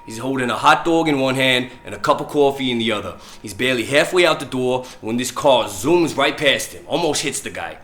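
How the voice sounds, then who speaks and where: A man's voice: mid-range voice, expressive, brisk, hardly any pauses, a bit bright, natural voice. A man doing a brash New Yorker. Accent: put-on New York. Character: brash New York storyteller. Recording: roomy echoing room.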